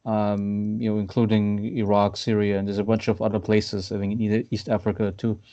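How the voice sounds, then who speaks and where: A man from Austria in his thirties hosting a podcast, discussing politics casually over a video call and pausing often with fillers and restarts. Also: fairly low pitch, monotone, warm tone. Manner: hesitant, many fillers and restarts. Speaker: podcast host. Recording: dull lo-fi video call audio.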